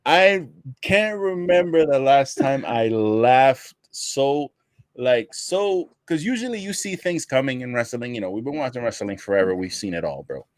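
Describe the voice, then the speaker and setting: A man co-hosting a wrestling podcast in casual chat, animated and profane, swearing often. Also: mid-range voice, moderate pace, no room sound, clean studio sound. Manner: animated, profane, laughs while retelling. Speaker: podcast co-host.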